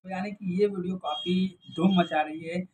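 A man in his twenties talking casually to the camera in an animated vlog style, filmed in a small indoor room. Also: sits high, normal speed, rough recording. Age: 20s. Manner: chatty, animated, loud opening hook. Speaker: vlogger. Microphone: camera or phone in front of face.

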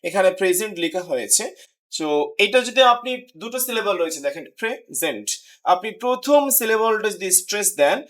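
High-voiced man teaching English pronunciation. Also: a bit bright. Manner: explains slowly, repeats example words for practice. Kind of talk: spoken English lesson.

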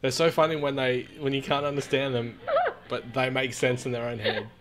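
A man's voice: medium pitch, little pitch movement, a little fast, very noisy. A young man giving casual reaction commentary on video clips, talking through stifled giggles. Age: young adult. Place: small room at home, indoors.

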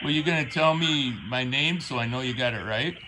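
A man's voice: mid-range voice, fairly quick. Guy in his 50s playing confused and offended on a prank call, noisy phone line. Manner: feigning confusion, mock-indignant. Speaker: prank caller. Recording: phone call with background noise.

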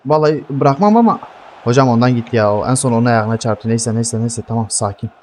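A man's voice: mid-range voice, fast talker, a little hiss or hum. Hot-headed swearing gamer man. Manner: heated, swears constantly, yells at teammates. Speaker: gaming streamer. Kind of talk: swearing live gameplay commentary.

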